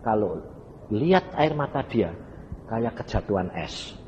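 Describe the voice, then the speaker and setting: A man's voice: lowish voice, sing-song, a little slow, darkish tone, highs cut off. A male evangelist, preaching a sermon and telling a story, often asking the congregation questions. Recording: reverberant hall with faint background noise.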